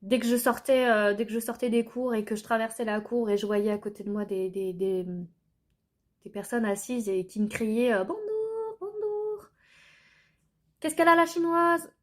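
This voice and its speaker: A woman's voice: mid-range voice, steady tone, normal speed, darkish tone. Hesitant young woman telling her story. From France. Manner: earnest, hesitant, many filler sounds and restarts. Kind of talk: personal storytelling to camera.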